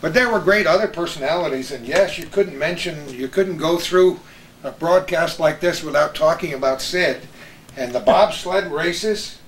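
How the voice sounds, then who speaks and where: An older American man with a high-pitched voice, a veteran radio broadcaster, hosts a reminiscing, anecdotal chat with old colleagues at normal speed. The sound is roomy, with echo and some background noise.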